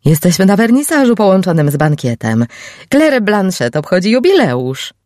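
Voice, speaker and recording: A brisk female agent who fusses over her friend and chides her gently, as a woman reads her. Her voice sits a touch high and quick, reassuring yet bossy. The sound is close and dry. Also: very animated, no room sound, lightly acted. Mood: explaining. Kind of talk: audiobook reading.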